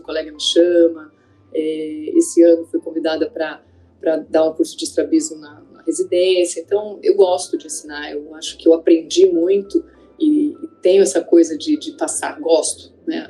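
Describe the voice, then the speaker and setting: A woman's voice: sits low, dark tone, low-quality recording. A woman, an ophthalmologist looking back on her career in a conversational way, with frequent fillers and tag questions. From Greater São Paulo, Brazil. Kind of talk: reflective interview testimony.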